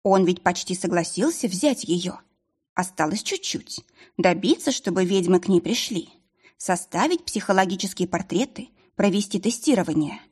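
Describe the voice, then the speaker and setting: A woman reading a fantasy audiobook in a measured, expressive storytelling manner. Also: lowish voice, breathy edge. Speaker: audiobook narrator. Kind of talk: scripted audiobook narration.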